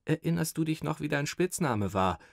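A man's voice: fairly high pitch, lively intonation, moderate pace, gravelly, no room sound, clean studio sound, pitched above the performer's own voice. Man voicing a gushing thin clerk. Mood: effusive. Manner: effusive, eager, rambling. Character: fawning, chatty thin male clerk, excited. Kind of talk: audiobook character reading.

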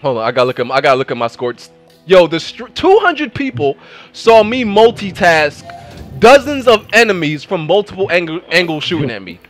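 Man, very high voice, lively swings, bright, exasperated gaming rant, yells at teammates. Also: a little fast, faint music behind. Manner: loud, exasperated, repeats himself, yells at teammates. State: worked up, near-hysterical. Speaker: gaming streamer. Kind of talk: ranting live stream commentary.

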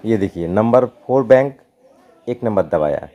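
A man hosting a keyboard tutorial, talking slowly and repeating himself, pleading with viewers. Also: on the low side, expressive, lo-fi sound. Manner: slow, repetitive, pleading.

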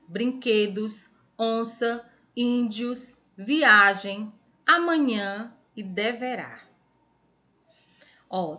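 A woman's voice: fairly high pitch, sharp tone. A Brazilian woman teaching a recorded online class to young children, reading words syllable by syllable and cheering the kids on. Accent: Brazilian Portuguese. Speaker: primary school teacher.

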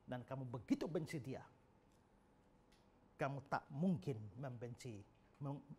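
Man, pastor, emphatic Bible teaching, acts out quotes, high pitch.

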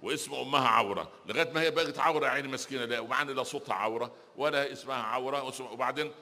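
A middle-aged Egyptian man preaching, his voice bright and forceful as he rushes through a lively lecture. He keeps tossing rhetorical questions to the crowd. His words ring out with a long reverb from the hall. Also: medium pitch. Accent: Egyptian Arabic. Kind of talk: religious lecture with humorous anecdotes.

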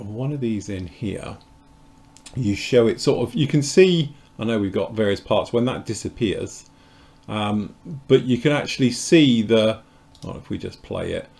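A man's voice: lowish voice, sing-song, a little slow, gravelly, darkish tone. A man hosting a casual live show about model kits, talking in a loose, rambling, chatty way as he explains things. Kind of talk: casual live-stream chat.

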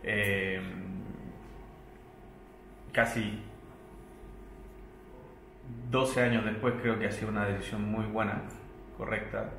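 A man in his thirties, a chef from Chile who grew up in Mexico and speaks with a Mexican Spanish accent, answering interview questions thoughtfully, with hesitations and soft laughs. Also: fairly low pitch, level tone, measured pace, slight background noise. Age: 30s. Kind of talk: relaxed sit-down interview. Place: indoor restaurant with wooden shelves. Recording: echoey room with faint ambience.

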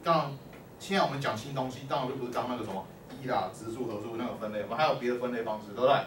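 A man with a medium-pitched voice talks very fast while teaching a math class, constantly quizzing his students and dropping short "lai" and "o" prompts to get them to answer. It's a classroom lecture, captured from a distance in an echoey room with a faint hum.

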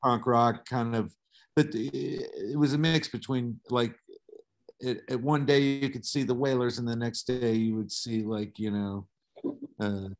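Telling stories at a measured pace, this middle-aged Southern American man keeps his mid-range voice steady. He's a relaxed guest on a video call, swearing casually as he shares anecdotes in an informal interview.

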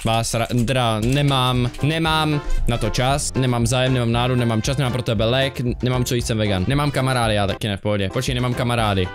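A man's voice: medium pitch, steady tone. A man hosting a casual reaction video, joking around with exaggerated, mock-dramatic outbursts. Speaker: YouTuber host. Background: background music.

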